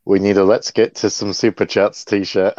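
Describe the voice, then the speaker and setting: A man with a somewhat low voice co-hosts a casual livestream, rambling along with plenty of fillers. His sound is dry and dull, like a lo-fi mic in a dead room. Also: little pitch movement, unhurried, darkish tone, no echo. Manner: chatty, rambling, many fillers. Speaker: co-host.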